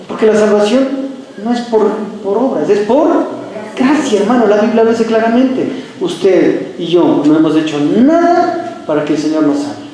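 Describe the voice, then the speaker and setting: A male pastor delivers an emphatic sermon, pressing his listeners with rhetorical questions. His voice sits high yet sounds mellow and dark in tone. It rings around a very echoey church room. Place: church sanctuary.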